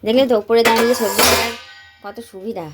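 A woman's voice: a little high, steady tone, fast talker, loud music behind the voice. A woman with a West Bengal accent chatting casually to viewers as a home vlogger, often asking them questions. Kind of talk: casual chat to viewers while doing household chores. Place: at home, mostly in the kitchen.

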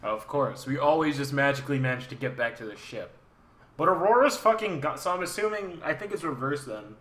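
Slow, offhand man streaming a game. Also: a little high, expressive, fairly bright tone. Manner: offhand, sarcastic, swearing. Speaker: streamer playing a game live. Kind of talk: casual let's play commentary. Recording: roomy echo, faint game music.

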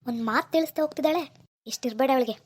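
A woman's voice: high-pitched, very fast, husky. A woman voicing a worried, jealous young husband from a village, scolding and muttering to himself. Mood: fretful. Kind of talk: cartoon voice acting.

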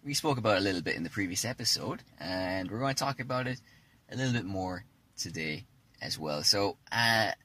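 A man's voice: on the low side, lively intonation, brisk, pushed and bright. A man co-hosting a podcast in casual, jokey chat, rambling with many fillers and restarts. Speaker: podcast co-host.

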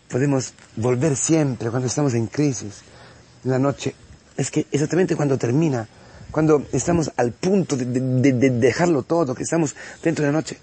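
A man, a priest giving a homily on the day's Gospel, impassioned and repetitive, halting often to restart his phrases. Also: medium pitch, dark tone, breathy edge. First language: Italian.

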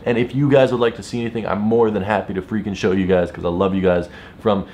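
A tired young man vlogging casually, ranting in a frustrated, animated way to his viewers. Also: lowish voice, fast, a little hiss or hum. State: tired, worn out. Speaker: sneaker vlogger. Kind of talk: casual vlog talk to camera. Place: store, then hotel room.

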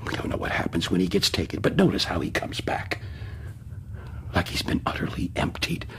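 Paranoid tormented survivor, radio play, creaky, wildly swinging pitch, bitter and volatile. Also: male voice, big pitch swings, a little fast, whispered. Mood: scathing. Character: Ted, paranoid, tormented male survivor who narrates. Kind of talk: radio drama acting.

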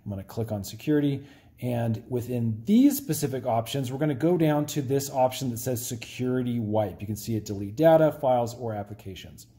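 A man's voice: medium pitch, expressive, brisk, mellow. Friendly man walking through a phone tutorial. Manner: friendly, step-by-step explaining. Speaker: tech tutorial host.

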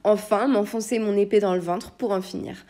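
A woman voicing a furious, panicky knight who shouts in outrage, in a storybook reading. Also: medium pitch, steady tone, moderate pace, close to an everyday voice. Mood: raging.

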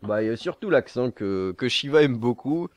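A man's voice: mid-range voice, animated, moderate pace, no echo. A young man from southern France answering viewer questions to camera in a casual, jokey way, laughing at his own jokes and stumbling over fillers.

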